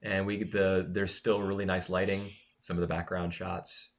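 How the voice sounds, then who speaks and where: A man with a very low, deep voice co-hosts a casual podcast. He talks in a relaxed, chatty way and laughs easily while trading opinions. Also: moderate pace. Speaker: podcast co-host. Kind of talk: casual chat reviewing anime.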